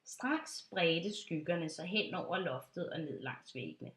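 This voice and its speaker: A woman calmly reading a children's storybook aloud to young listeners. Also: lowish voice. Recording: roomy echo.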